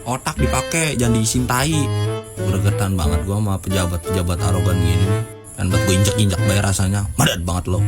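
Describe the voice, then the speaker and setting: Pria marah di atas musik keras. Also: male voice, deep voice, quick pace. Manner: crude, insulting, heated. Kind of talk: angry commentary rant. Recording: loud music underneath.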